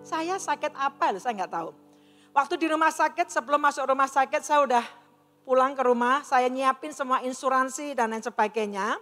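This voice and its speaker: A middle-aged woman gives an earnest personal testimony to an audience in a large hall, acting out the dialogue she quotes as she tells her story. Her voice is high-pitched and fairly bright, her pace moderate. Soft music plays behind her, and the hall's reverb is long.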